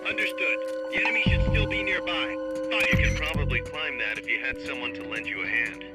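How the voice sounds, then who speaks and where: A slightly high male voice giving short, crisp orders over the radio, a headquarters commander in a video game. Loud game music runs under every line. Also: big pitch swings, fairly quick. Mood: commanding. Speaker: mission support officer.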